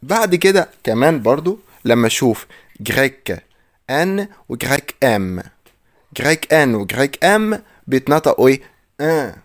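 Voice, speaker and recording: A man with an Egyptian Arabic accent teaching French pronunciation, drawing words out slowly and quizzing the listener. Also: mid-range voice. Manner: drills words slowly, asks the listener questions. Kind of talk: pronunciation lesson.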